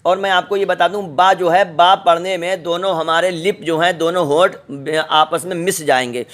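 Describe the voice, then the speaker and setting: A middle-aged man teaching the Quran's alphabet in a recorded lesson, patient and repetitive, sounding letters out slowly. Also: sits high, fairly even intonation, a bit bright.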